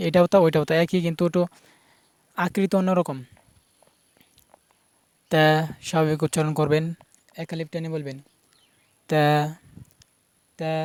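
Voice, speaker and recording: A man's voice: fairly high pitch, a little mellow, smooth, dry recording. A man teaching Quran pronunciation, patiently repeating each letter sound and explaining where it is made in the mouth. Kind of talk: pronunciation lesson.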